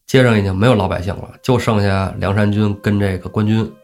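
A man telling a classic tale on a casual storytelling podcast, acting out the characters' lines with lively energy. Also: fairly low pitch, fairly quick. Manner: lively, acts out characters' shouts. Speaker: storyteller host.

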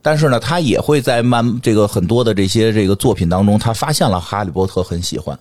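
A man's voice: on the low side, lively intonation, fast talker, darkish tone, no room sound, clean studio sound. A middle-aged man with a Beijing Mandarin accent chatting casually as a podcast co-host, often repeating phrases for emphasis.

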